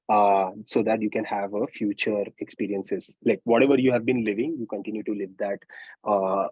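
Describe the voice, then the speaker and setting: A man's voice: medium pitch, a little mellow, breathy edge, dry recording, highs cut off. A man with an Indian English accent, a startup founder talking through investing advice on a podcast, earnest and peppered with "right?" and "um". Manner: earnest, advisory, frequent "right?" and "um" fillers. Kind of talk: casual podcast conversation.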